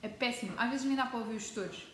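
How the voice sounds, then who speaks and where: Racing along in a fairly high, fairly bright voice, a teenage girl from Portugal vlogs to camera with a European Portuguese accent, dramatic and chatty, sprinkling English words throughout. Slight background noise accompanies an echoey room with faint ambience.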